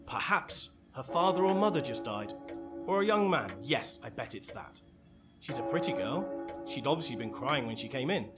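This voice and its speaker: A man's voice: mid-range voice, sing-song, moderate pace, lightly acted. A man performs a genial English doctor of older years in a radio drama. His British voice swings expressively as he chats and spins stories in an avuncular, faintly bumbling way. Music plays behind him on the old broadcast. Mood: concerned, shocked. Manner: avuncular, chatty, easily shocked. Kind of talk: radio drama acting and storytelling.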